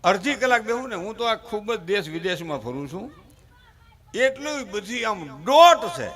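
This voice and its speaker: A man tells comic folk stories to a live audience and turns them into earnest appeals. His voice sits high and rings bright and forceful. He moves between playful jokes and exhortation. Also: very animated, moderate pace. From Gujarat, India. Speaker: folk humorist performer.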